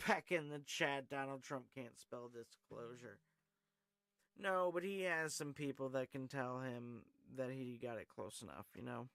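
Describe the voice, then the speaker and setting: A man hosts a casual call-in live stream, rambling along with many filler words while reading out viewer comments. He speaks unhurriedly in a mid-range voice that is creaky and a bit bright, with no room sound.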